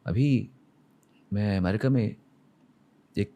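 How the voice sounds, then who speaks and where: A man in his fifties from India sits as a podcast guest and speaks in a slightly low voice. He reflects earnestly on his work, and his delivery is emphatic and full of feeling. He often slips into quoted prayers and remembered dialogue. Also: slow pace, dark tone. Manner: heartfelt, retells emotional moments with intensity.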